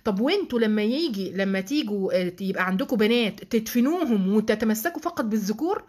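A religious teacher with an Egyptian Arabic accent gives a lesson, asking rhetorical questions, checking in with her listeners, and adding emphatic, affectionate asides. Her voice is mid-range and a little mellow, with lively intonation, and she talks fast.

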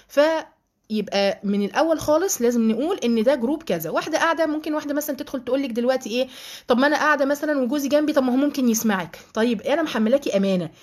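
A woman's voice: on the high side, a little mellow. A woman with an Egyptian Arabic accent giving a live online religious lesson to a women's group, chatty and affectionate, blessing her students by name. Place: home, live video stream.

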